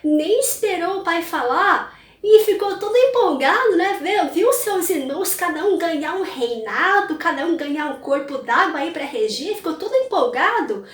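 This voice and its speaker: Woman chatting thru a myth story, highish voice, kinda distant and echoey. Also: animated, moderate pace. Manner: chatty, adds tag questions. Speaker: storyteller of a culture channel. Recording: roomy, mic at a distance.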